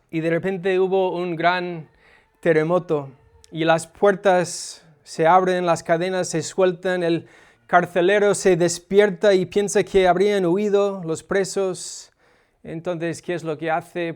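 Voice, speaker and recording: A man's voice: high-pitched, clear, resonant tone. A man preaching a sermon, explaining in a conversational way with frequent hesitations. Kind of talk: expository sermon.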